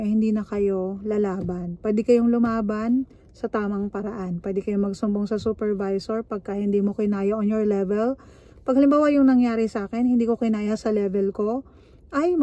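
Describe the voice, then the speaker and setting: A woman's voice: mid-range voice, mellow. A middle-aged woman from the Philippines, a nurse giving frank, assertive advice in a casual monologue, mixing English into her talk. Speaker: nurse vlogger.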